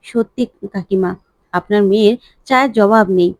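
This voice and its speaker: A woman voicing a cheerful, flattering young man in her own plain voice. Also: mid-range voice, moderate pace, dry recording, natural voice. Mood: friendly.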